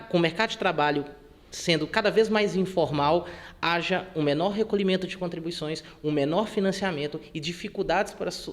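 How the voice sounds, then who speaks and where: Measured Brazilian judge explaining law. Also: male voice, a little high. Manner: measured, with many "né" and "é" fillers. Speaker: labor court judge. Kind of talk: explanatory interview answers.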